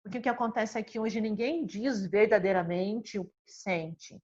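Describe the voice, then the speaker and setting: A woman with a Brazilian accent speaks as a psychologist in an easygoing conversational talk. She is expressive and earnest and keeps tagging her phrases with little questions. Her mid-range voice comes through a slightly dull, lo-fi recording. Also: mid-range voice, moderate pace. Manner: constantly adds tag questions, expressive and earnest.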